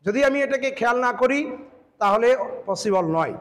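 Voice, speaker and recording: A man teaching Quran pronunciation, patiently repeating words slowly and stretching the sounds. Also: very high voice, expressive, fairly bright tone, in a large hall. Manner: patient, drills words by slow drawn-out repetition. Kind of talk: tajweed pronunciation lesson.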